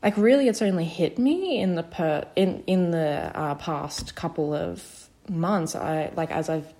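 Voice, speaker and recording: A woman's voice: fairly low pitch, unhurried, warm tone. A woman in her twenties hosting a solo podcast, nervous and hesitant, with many fillers and restarts. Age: 20s. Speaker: podcast host. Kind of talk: casual solo podcast talk.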